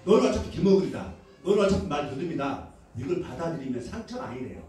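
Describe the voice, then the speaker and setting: Brief: fast, high-ish male lecturer from Jeolla, lively call-and-response style, recorded from afar in a booming hall. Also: slight background noise. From Jeolla region, Korea. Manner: lively call-and-response, acts out quoted lines, laughs often. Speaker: motivational lecturer. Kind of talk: animated lecture to a live audience. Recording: echoey hall, heard from a distance.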